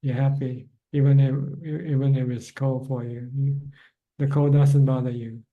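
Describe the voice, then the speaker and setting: The recording is dull, lo-fi video-call audio of a meditation teacher guiding a caller and answering questions. He speaks in a mid-range voice with flat delivery at a moderate pace. His guidance is plain and repetitive, full of restarts.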